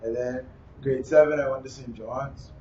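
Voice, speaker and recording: A young man with a Bahamian accent, a basketball player answering interview questions in a relaxed, plain way. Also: medium pitch, normal speed. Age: young adult. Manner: relaxed, plain, uses "like" and "you know". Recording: roomy, distant, dull with faint noise.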